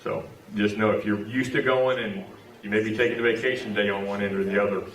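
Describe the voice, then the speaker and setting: A man's voice: fairly low pitch, fairly even intonation, fast talker, a bit bright, slight background noise. A man giving a folksy, joking talk to a club meeting. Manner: folksy and joking, with Texas slang like y'all. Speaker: visiting speaker at a club meeting. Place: meeting room at a club lunch. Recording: echoey room from far off.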